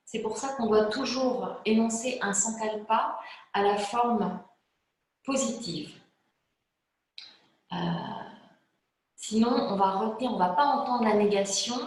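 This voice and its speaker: Slow, calm woman in an echoey room. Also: fairly high pitch. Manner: calm, slow, hesitant with frequent fillers. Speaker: yoga teacher. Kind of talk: spoken yoga class introduction.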